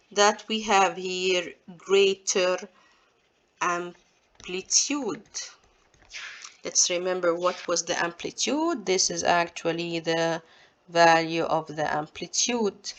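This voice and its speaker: In a lowish, fairly bright voice, this science teacher goes through an exam's answers one step at a time, asking her students rhetorical questions as she explains.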